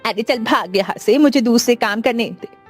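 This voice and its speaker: A woman's voice: a little high, normal speed, faint music behind, lightly acted. A woman playing an impatient old grandmother. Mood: dismissive. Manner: brushing off, impatient. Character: dismissive old village grandmother.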